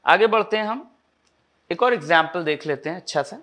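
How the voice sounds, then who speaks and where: A man teaching literature, reading definitions slowly and explaining them in Hindi with frequent check-ins. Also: high-pitched, expressive, bright, forceful tone. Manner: reads English definitions slowly, then explains quickly in Hindi with frequent "ठीक है?". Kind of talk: Hindi-English classroom explanation.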